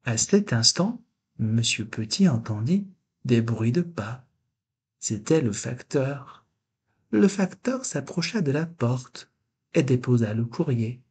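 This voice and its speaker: A man with a husky voice reads a children's picture book aloud. He takes it slow and gentle, with a plain storyteller's delivery. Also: mid-range voice, sing-song. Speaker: storybook reader.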